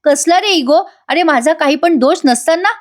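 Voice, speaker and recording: A woman's voice: high voice, normal speed, pitched above the performer's own voice, lightly acted. A woman reading an upset, exasperated young wife. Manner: pleading, exasperated.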